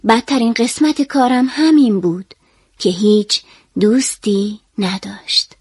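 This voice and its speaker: A woman calmly and expressively reading a children's story aloud. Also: fairly high pitch, background noise.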